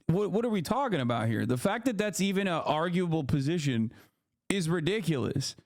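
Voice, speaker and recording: A man's voice: fairly high pitch, expressive, a little fast. A man giving casual reaction commentary to a debate, sarcastic and mocking in tone.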